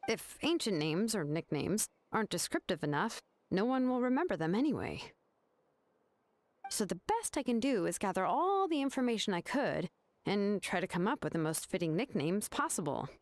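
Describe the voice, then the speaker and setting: Voicing a composed young craftswoman in a video game, a woman speaks in a mid-range, sing-song, near-everyday voice at a moderate pace. Laid-back yet exacting, she explains things casually and matter-of-factly over game music.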